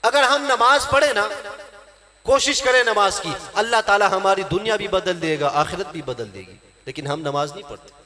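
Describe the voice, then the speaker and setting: A man's voice: high voice, moderate pace, bright, forceful tone, echoey room. A man preaching a sermon in a mosque, asking the crowd questions, answering them himself and repeating phrases.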